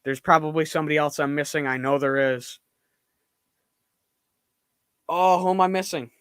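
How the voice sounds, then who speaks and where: A young man chatting casually on a live stream from home while standing and moving around, so his voice drifts nearer and farther from the microphone. He rambles and reacts out loud. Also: a little high, quick pace, clean tone, no room sound. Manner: rambling, reacts loudly to plays.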